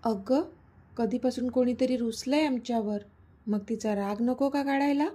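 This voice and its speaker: A woman's voice: fairly high pitch, steady tone, moderate pace, dark tone, slightly rough. A woman voicing a playful, teasing young man, the romantic lead of a spoken story.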